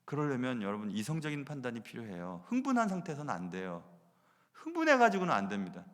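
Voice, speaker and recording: A man preaching a sermon as pastor, animated, moving between loud emphasis and hushed asides. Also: medium pitch, quick pace. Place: church sanctuary. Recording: long reverb of a church hall.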